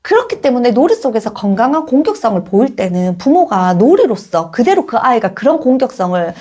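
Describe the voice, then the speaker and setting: A middle-aged woman, an early childhood educator, giving informal parenting advice to a companion, expressive and often laughing. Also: a little high, fairly quick, husky. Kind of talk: casual advice talk to a companion.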